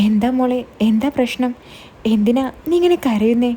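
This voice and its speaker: A woman's voice: fairly high pitch, expressive, normal speed. Woman voicing a kindly protective older man. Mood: soothing. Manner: gentle, reassuring.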